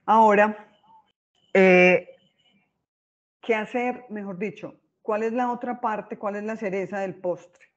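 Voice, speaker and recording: A woman giving an informal talk on emotional intelligence, expressive and often asking her listeners "right?". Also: medium pitch, highs cut off. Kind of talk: informal lecture.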